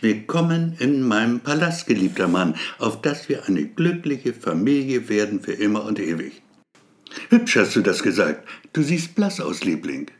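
A man's voice: fairly low pitch, very animated, moderate pace. Man voicing a teasing young mother. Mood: affectionate.

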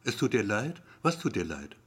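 A man's voice: lowish voice, very animated, normal speed, slightly rough. A man voicing an anxious, defensive man in his thirties who is waiting to see a doctor. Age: 30s. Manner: tense, defensive.

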